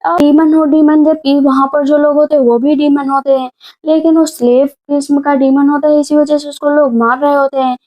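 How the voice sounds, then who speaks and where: A woman narrating a movie recap in a casual, brisk storytelling way, reading the characters' lines in her own voice. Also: sits high, level tone, a little mellow, rough recording. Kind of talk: casual plot-retelling narration.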